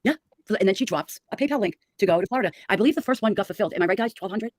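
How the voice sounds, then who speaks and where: Middle-aged woman, rapid-fire gossip, opinionated, casual livestream chat, dry close sound. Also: mid-range voice, lively intonation, no echo.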